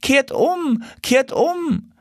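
A man doing shrill scolding tame geese. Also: lively intonation, drawn-out words, a bit bright, dry recording, clean studio sound, full character voice. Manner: shrill and indignant.

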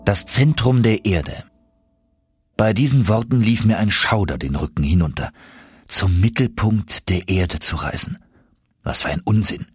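A man reading first-person audiobook narration in a steady, measured storytelling manner. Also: low-pitched, slightly rough, no echo.

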